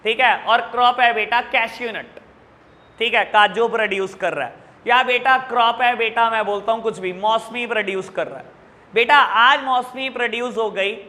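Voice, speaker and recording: An Indian male teacher lectures his class with a high, sharp, bright voice. He keeps addressing students fondly and checking they follow. The sound carries a long hall reverb. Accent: Indian English. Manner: addresses students as beta, frequent "theek hai na" checks. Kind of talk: classroom lecture explaining exam questions.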